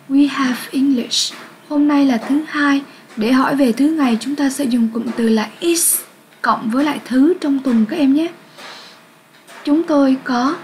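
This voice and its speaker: A woman with a Vietnamese accent teaching an English lesson to children, speaking slowly and clearly and sounding out words for pupils to repeat. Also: sits high, a little mellow, a little hiss or hum, low-quality recording.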